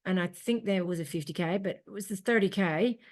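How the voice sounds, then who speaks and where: A woman's voice: on the low side, a little fast, darkish tone. An Australian woman co-hosting a running podcast, chatting casually in a blunt, emphatic way. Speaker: podcast co-host. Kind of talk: casual chat.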